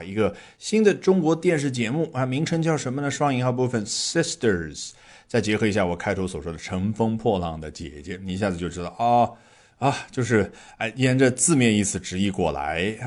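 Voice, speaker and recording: Male podcast English teacher, low-ish voice with animated pitch, chatty, heavy on fillers and rhetorical questions. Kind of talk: explaining English vocabulary to learners.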